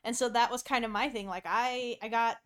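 A woman's voice: on the high side, steady tone, fairly quick, a bit bright. A woman co-hosting a podcast, chatting casually with lots of fillers. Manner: filler-heavy, laughs often. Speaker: podcast co-host.

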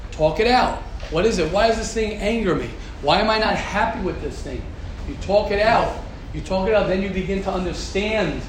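A middle-aged man teaching a Torah class as a rabbi, asking rhetorical questions and repeating himself, mixing in Hebrew and Yiddish terms. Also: high voice. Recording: echoey room with background noise.

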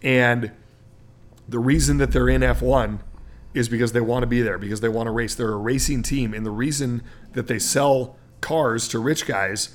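A man's voice: mid-range voice, steady tone, normal speed. A man co-hosting a sports podcast, explaining racing at length in a casual chat, with many fillers. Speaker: podcast co-host.

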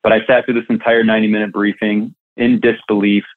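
A man's voice: fairly low pitch, flat delivery, a little fast. A man who coaches staffing businesses, telling a candid, reflective story in an interview. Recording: tinny phone-like line.

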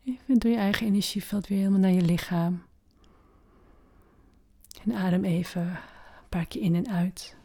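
A woman leading a guided meditation slowly and gently, with long pauses, in a soft voice that often turns to a breathy near-whisper. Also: medium pitch, steady tone.

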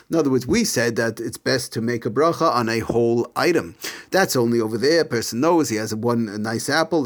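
A man giving an informal religious lesson, explaining a text and often rephrasing his points as a teacher. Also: mid-range voice.

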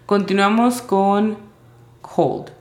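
A woman teaching English vocabulary in Spanish, spelling out each word's sounds slowly and carefully. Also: medium pitch, echoey room. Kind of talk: vocabulary lesson.

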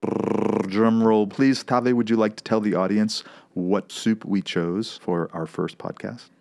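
A man from south of Boston co-hosting a podcast, playful and quick to laugh. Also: on the low side, a little mellow. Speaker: podcast co-host. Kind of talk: casual chat.

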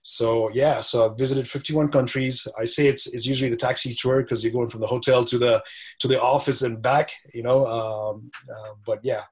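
Man, husky voice, animated storyteller, casual interview guest. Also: mid-range voice, moderate pace. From Dubai. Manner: animated storyteller, laughs often. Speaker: podcast guest.

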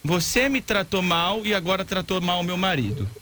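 A man's voice: sits high, moderate pace. A man hosting a radio prank call, talking in a playful, teasing way. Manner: playful, teasing, lively banter.

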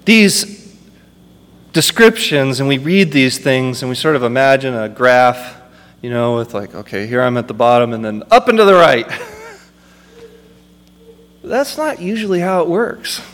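A man's voice: medium pitch, animated, unhurried, long pauses, fairly bright tone, long reverb tail. A man preaching a sermon as pastor, with impassioned delivery that builds to emphatic peaks.

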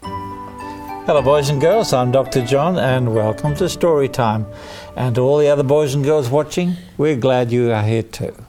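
A man telling stories to children in a deliberate way, leaning dramatically on key words. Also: medium pitch, mellow, faint music behind. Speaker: children's storyteller. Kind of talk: storytelling to children.

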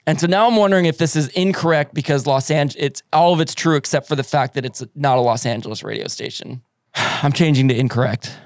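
A slightly high-voiced man in casual podcast chat, talkative and quick to laugh at himself. He meanders through stories in an easygoing way. The sound is dry and close. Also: no echo. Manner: chatty, self-deprecating, laughs often. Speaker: radio board operator and podcast host.

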